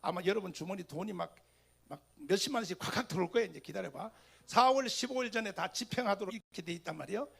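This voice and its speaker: High-pitched gravelly man rallying a crowd. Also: fast talker. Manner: rhetorical questions to the crowd, sudden loud bursts. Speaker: speaker addressing a political rally. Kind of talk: fiery political rally speech with religious exclamations.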